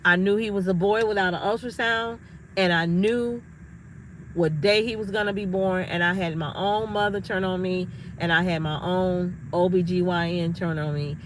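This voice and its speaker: A woman's voice: lowish voice, normal speed, slight background noise, low-quality recording. A middle-aged woman talking to her viewers in a casual, emphatic monologue, telling stories with energy. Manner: emphatic, animated storytelling. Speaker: astrology vlogger.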